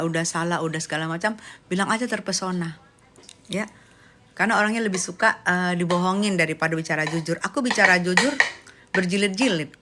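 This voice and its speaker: A woman's voice: on the low side, fairly bright tone, slight background noise. A young adult woman hosts a live stream, chatting casually with viewers and reading their comments in a sassy, teasing way full of slang. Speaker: livestream host chatting with viewers.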